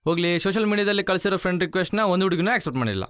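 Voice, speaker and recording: A grumbling, wisecracking buddy. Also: male voice, high-pitched, expressive, racing, a bit bright, smooth, no room sound. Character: grumbling single young male friend. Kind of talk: film acting.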